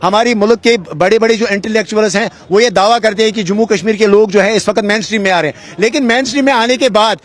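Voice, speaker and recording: A man with a Kashmiri accent, speaking earnestly at an outdoor protest interview, often pausing and restarting. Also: high-pitched. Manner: earnest, halting with many fillers and restarts. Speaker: politician at a protest. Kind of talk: on-the-spot interview.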